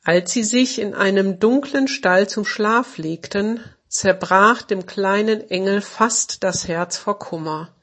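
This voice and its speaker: Slow, gentle woman reading a storybook. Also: medium pitch. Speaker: narrator.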